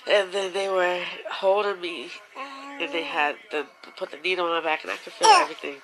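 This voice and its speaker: A woman's voice: lowish voice, animated, fairly quick, fairly bright tone, low-quality recording. A young woman telling a personal story to her viewers in a casual, emotional way, at times fighting back tears, with features. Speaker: vlogger.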